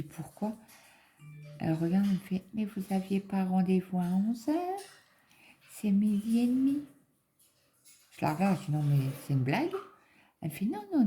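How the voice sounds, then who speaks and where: Middle-aged woman vlogger, casual rambling chat, low dark gravelly voice. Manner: rambling, many fillers, acts out quoted dialogue. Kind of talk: casual chat, retelling an appointment.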